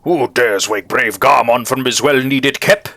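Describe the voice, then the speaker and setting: Brief: a swaggering, chivalrous bug knight from a game, high and theatrical, put on by a man reading the lines. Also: measured pace, bright, forceful tone. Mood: boastful. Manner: grandiose, old-fashioned heroic speech. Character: boastful gallant male bug knight. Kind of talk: reading game dialogue aloud.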